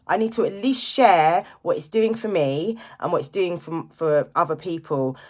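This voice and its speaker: A lowish-voiced woman in her late forties speaks at a normal speed in a casual motivational live chat. She's a direct seller hosting the stream, talking informally and straight to listeners and repeating key phrases for emphasis.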